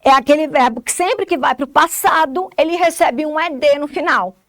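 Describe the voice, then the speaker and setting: High-voiced Brazilian teacher, dry sound. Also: female voice, moderate pace, dry recording. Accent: Brazilian Portuguese. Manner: explains step by step, checks understanding with frequent "tá?". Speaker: English teacher. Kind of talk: recorded classroom lesson.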